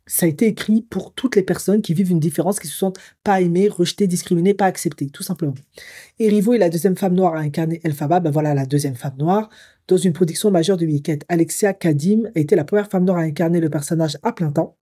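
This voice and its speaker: A woman's voice: on the low side, fast talker, mellow, husky. A woman, a coach talking through her views in a commentary vlog, musing and hesitant as she thinks aloud, sometimes reading a text. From Africa. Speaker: psycho-emotional coach.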